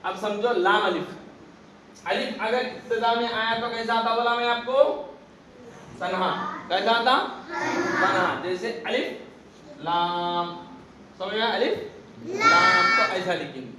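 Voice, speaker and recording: A man's voice: high-pitched, sing-song, a little slow, long pauses. A man teaching a class on Arabic letters, asking questions and repeating the answers himself. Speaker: religious teacher. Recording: echoey room, distant mic, background noise.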